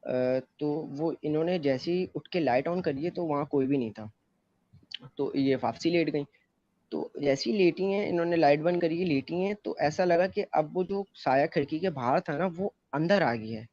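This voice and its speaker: A man tells a casual first-person story about something he went through, rambling loosely with lots of fillers and restarts. His voice is fairly high and darkish at normal speed, recorded on a dull, muffled, dry close mic with no room sound.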